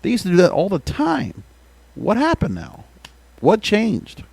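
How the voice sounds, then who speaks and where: An American man with a fairly high voice hosts a podcast in a dry, close sound. His pitch moves widely as he delivers opinionated commentary. He is emphatic and leans on rhetorical questions to make his points. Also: wildly swooping pitch, measured pace, creaky, darkish tone, slightly rough, no room sound. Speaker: podcast host. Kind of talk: opinionated music radio commentary.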